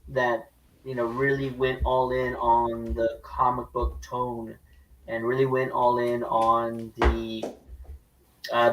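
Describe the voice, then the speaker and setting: A man co-hosting a casual movie talk, speaking in a measured, thoughtful way. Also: medium pitch, a bit bright, distant mic, low-quality recording. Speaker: co-host. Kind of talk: casual film chat.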